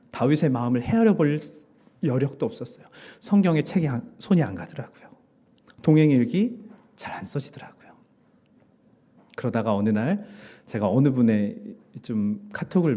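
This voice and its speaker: A man's voice: mid-range voice, dark tone, slightly rough. A man, a pastor, preaching a Sunday sermon as a personal testimony, often dropping to a whisper for his inner thoughts. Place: church sanctuary.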